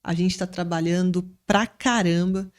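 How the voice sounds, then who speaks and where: A woman's voice: lowish voice, steady tone, unhurried, a little mellow. Bubbly Brazilian woman hosting a podcast. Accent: Brazilian Portuguese. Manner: enthusiastic, ironic when teasing. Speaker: podcast host. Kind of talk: lively podcast interview.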